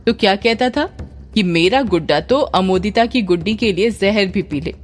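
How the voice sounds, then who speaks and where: A woman voicing a gentle, kindly older aunt who soothes and coaxes the family in a spoken story. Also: mid-range voice, moderate pace, natural voice. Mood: gentle coaxing. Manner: coaxing, gentle.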